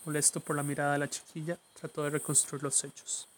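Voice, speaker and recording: A man reading a story aloud in an even, measured way. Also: on the high side. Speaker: narrator.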